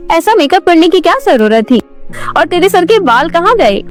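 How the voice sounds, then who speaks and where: A woman's voice: very high voice, very animated, normal speed, music in the background, voice pushed up. A woman voicing a mocking college friend in a cartoon story, snide and gossipy. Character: mocking rich college girlfriend.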